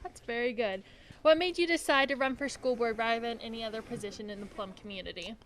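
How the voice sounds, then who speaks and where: A woman's voice: on the high side, quick pace, a bit bright, poor audio. A young woman interviewing a guest on a school TV broadcast, asking polite, prepared questions. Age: young adult. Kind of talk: student TV interview.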